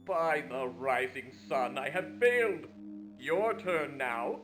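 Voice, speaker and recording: A man's voice: medium pitch, expressive, slow pace, fairly bright tone, low-quality recording. A man playing a formal, courteous video game opponent with an earnest, stilted, exclamatory delivery. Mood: formal, regretful. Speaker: game character. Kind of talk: scripted video game voice acting. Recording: music under the voice. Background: game music.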